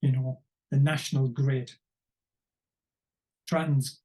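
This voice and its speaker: Mellow-voiced man rambling through politics. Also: mid-range voice, fairly even intonation. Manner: rambling and wry, pausing to search for words. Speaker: political commentator. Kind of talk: unscripted political commentary.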